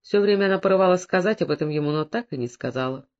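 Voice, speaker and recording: Steady audiobook narrator on a muffled recording. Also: medium pitch, very fast. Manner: steady storytelling. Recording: dull lo-fi recording.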